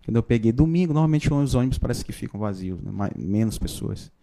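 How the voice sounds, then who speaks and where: A man, a pastor giving his conversion testimony in a podcast interview, telling it in a lively storytelling way with frequent tag questions. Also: mid-range voice, fast, creaky. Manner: storytelling, animated, frequent "né?" tags.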